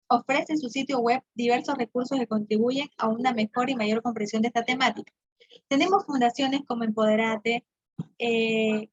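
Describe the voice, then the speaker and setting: Woman psychologist talking to a group, kinda high voice, keeps checking they follow, lo-fi muffled sound. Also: slightly rough, no echo. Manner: checks in often with "¿no es cierto?" and "¿bien?"; earnest, explains step by step with examples. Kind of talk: prevention talk to an audience of women.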